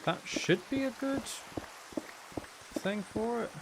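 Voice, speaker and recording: This streamer's voice is extremely high-pitched and slow. He offers loose, playful live game commentary, poking fun at himself while he thinks out loud, with rain falling steadily in the background.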